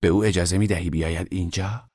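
A man's voice: low-pitched, steady tone, a little mellow, husky, no echo, studio quality. A man voicing a curious younger boy who keeps pressing his brother with eager questions. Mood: prying.

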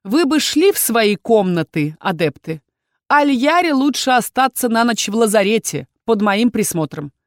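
A woman's voice: fairly high pitch, sing-song, normal speed, no room sound, studio quality, pitched above the performer's own voice. A woman voicing a fussy older male healer who repeats his words in a sing-song way.

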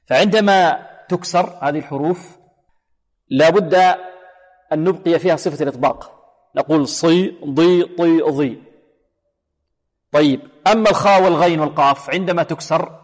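A man with a fairly high voice teaching Quran recitation in a lesson. He asks questions and answers them himself, and he drills single sounds over and over. His voice carries a long, ringing reverb. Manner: slow careful chanting of Quranic verses between explanations. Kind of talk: tajweed lesson on a radio program.

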